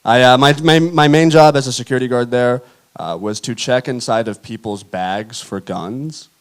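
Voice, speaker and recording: A young man performing a self-deprecating stand-up set on a theater stage, telling stories in a deadpan way. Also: mid-range voice, normal speed, clear, resonant tone. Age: young adult. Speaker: stand-up comedian. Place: theater stage before a live audience. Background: audience laughter.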